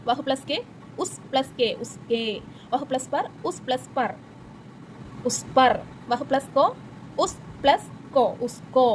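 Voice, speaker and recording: A woman's voice: high voice, slight background noise, low-quality recording. A young woman teacher with a Malayali accent, explaining exam questions step by step and answering her own questions. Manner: reads the textbook text slowly and deliberately. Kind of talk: exam-prep lesson.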